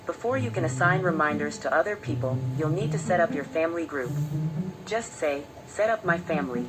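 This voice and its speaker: A synthetic woman's voice working as a voice assistant, giving answers in a polite, measured, evenly articulated way. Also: deep voice, animated, rough recording. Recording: music playing over the voice.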